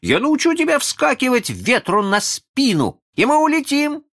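A man reading a storybook aloud and voicing an eager, cunning young boy who never grows up, talking in an excited, coaxing way. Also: extremely high pitch, moderate pace, voice pushed up, exaggerated voice.

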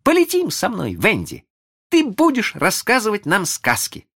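Peter Pan, as a man puts on a bright, eager boy. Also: high voice, a little slow, husky, voice pushed up, heavily acted. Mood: coaxing. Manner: excited, wheedling, coaxing. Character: eager cunning young boy who never grows up.

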